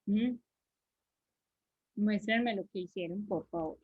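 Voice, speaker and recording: A woman with a slightly rough, medium-pitched voice speaks slowly while teaching drawing in an online class, breaking things into steps and often checking on her students. Her accent is Colombian Spanish from Antioquia, and the recording is muffled video-call audio.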